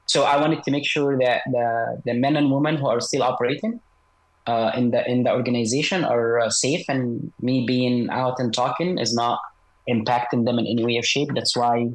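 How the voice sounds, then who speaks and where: Male interview guest, voice electronically disguised, mid-pitched and measured, hesitant delivery. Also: fairly even intonation, low-quality recording. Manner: measured, hesitant, frequent "uh" fillers. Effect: voice electronically altered to disguise identity. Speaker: guest author, former special operations soldier. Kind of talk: interview over a video call.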